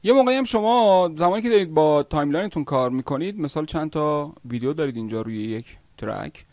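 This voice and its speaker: Male software tutor, slightly high voice, dry close recording, patient step-by-step delivery with frequent "uh" pauses. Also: lively intonation, no echo. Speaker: video editing instructor.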